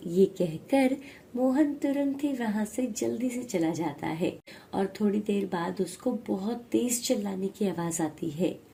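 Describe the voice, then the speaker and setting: Slow, gravelly female storyteller. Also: mid-range voice, lively intonation, dark tone, slight background noise. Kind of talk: scripted narration.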